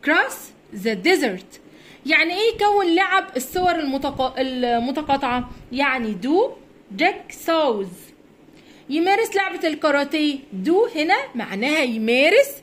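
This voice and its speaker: High, lively Egyptian woman teaching. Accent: Egyptian Arabic. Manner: repeats each word slowly for pupils to copy. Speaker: English teacher. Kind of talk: recorded lesson for primary pupils.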